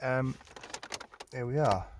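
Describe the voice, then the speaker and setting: Taking it slowly at a medium pitch, a British hobbyist talks his way through putting a radio in his car, grumbling wryly at himself in a rambling DIY vlog. Background noise can be heard.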